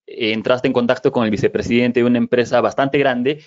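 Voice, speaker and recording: A male interviewer asks long, winding questions, pausing and restarting often. His voice sits mid-range. The recording is dry and dull. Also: mid-range voice, fairly even intonation, dry recording. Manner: hesitant, many fillers and restarts while framing questions. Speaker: podcast interviewer. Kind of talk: conversational interview.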